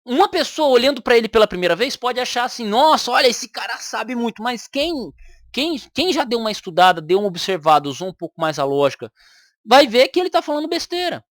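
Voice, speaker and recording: Brazilian lady ranting back at a video, super lively swoopy pitch, dry close sound. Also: quick pace, dry recording. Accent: Brazilian Portuguese. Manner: emphatic, repeats points for stress. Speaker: commentator reacting to a video. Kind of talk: argumentative reaction commentary.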